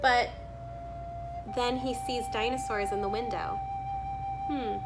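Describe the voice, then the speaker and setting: Over loud music, a woman reads from a children's book in a steady, slightly high voice. Every so often she pauses to add her own offhand observations about the pictures.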